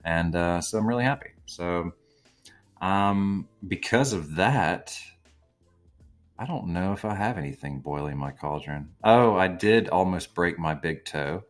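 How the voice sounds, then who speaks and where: A man with a very low voice hosts a relaxed podcast conversation. He rambles easily, filling gaps with ums and throwing in casual swearing. Faint music sits low behind him. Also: unhurried. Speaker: podcast host. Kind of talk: casual chat.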